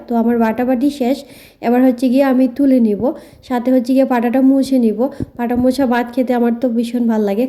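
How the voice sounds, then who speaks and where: Woman, cooking vlogger voice-over: quick, chatty, very mellow and dark in tone. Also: on the high side. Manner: chatty, repeats a filler phrase often. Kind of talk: casual recipe voice-over.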